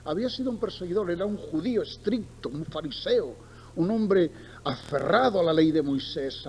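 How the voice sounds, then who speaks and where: With noticeable background noise behind him, a middle-aged man from Barcelona speaking with a Spain accent preaches, combining scripture reading and storytelling. His fairly high-pitched voice has a darkish tone, and he leans on emphatic repetition and chatty asides to listeners.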